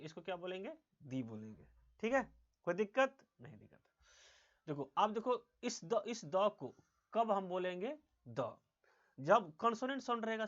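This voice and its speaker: A male English teacher giving a grammar lesson, asking quiz questions and answering them himself, repeating key words slowly. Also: on the high side. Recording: dull lo-fi sound.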